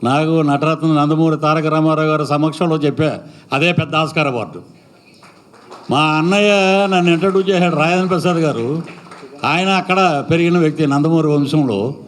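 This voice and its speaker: A man's voice: a little high, brisk. Rambling man giving a stage speech. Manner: rambling, praising, acts out dialogue lines. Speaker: actor speaking at a film event. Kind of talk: stage speech at a pre-release event. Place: event stage.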